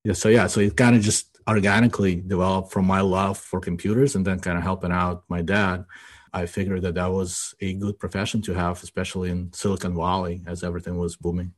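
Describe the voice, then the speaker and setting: Speaking briskly in a deep, level voice, an IT business owner from Ukraine in his forties rambles as a guest on a casual podcast interview. He keeps ending sentences with "you know" and "right?".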